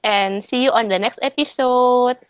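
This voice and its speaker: A young adult woman co-hosting a podcast, explaining things and wrapping up the episode in a relaxed way. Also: a little high, measured pace. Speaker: podcast co-host. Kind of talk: casual chat.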